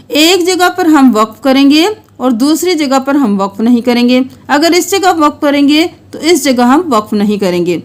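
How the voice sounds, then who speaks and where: High-voiced woman teaching Quran recitation. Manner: patient step-by-step explaining, chanting verses slowly and melodically.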